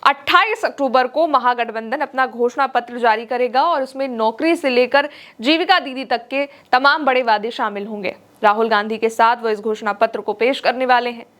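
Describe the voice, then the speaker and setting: A woman's voice: on the high side, normal speed, fairly bright tone. A woman presenting scripted political news narration in an emphatic, dramatic way.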